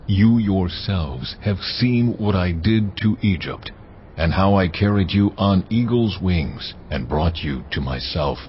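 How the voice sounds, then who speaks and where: An actor playing God as a commanding, almighty male voice, speaking in a solemn and measured way in a dramatized Bible reading, with orchestral music behind. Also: deep voice, expressive, a little hiss or hum. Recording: muffled audio under orchestral music.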